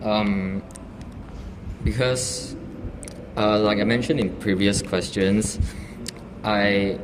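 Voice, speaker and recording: Low-voiced man, halting, in a noisy room. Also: fairly even intonation. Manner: halting, self-correcting storytelling. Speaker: guest. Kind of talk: casual panel chat. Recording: reverberant room with noticeable noise.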